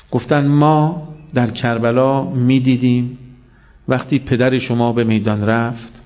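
Male preacher, mid-pitched, animated storyteller, dull recording. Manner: animated storytelling, acting out dialogue. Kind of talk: religious sermon.

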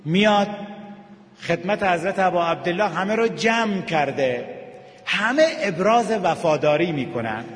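A man preaching an emotional sermon, telling stories and dropping his voice low for tender moments, then lifting into sung lines. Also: animated. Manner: emotional, slows and drops to near whisper for tender moments, rises with sung passages. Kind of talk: religious sermon with storytelling. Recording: echoey hall reverb.

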